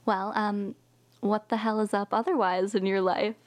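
A woman hosting a casual podcast in a small home studio, chatty, with frequent ums and quick laughs. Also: medium pitch, flat delivery. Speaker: podcast host.

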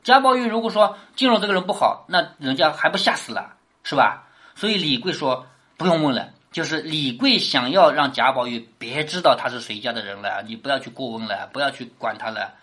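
A woman's voice: rumbling low, fairly quick. A woman teacher lecturing on a classic novel, often checking in with rhetorical questions. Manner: lively, keeps asking rhetorical questions. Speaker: literature teacher.

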